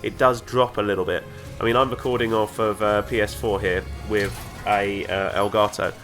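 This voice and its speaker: Game music and sounds run beneath this let's-play commentary from a gaming video host who has the flu. Nasal and congested from his cold, he talks with enthusiasm and a bit of rambling in a fairly low, level, fairly bright voice at normal speed.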